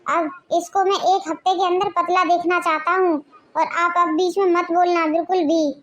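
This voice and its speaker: Casting: a harsh domineering husband, voiced by a woman in a very high voice, barking orders. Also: level tone, moderate pace, dull audio. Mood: stern. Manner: scolding, commanding. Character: bossy harsh husband scolding his wife.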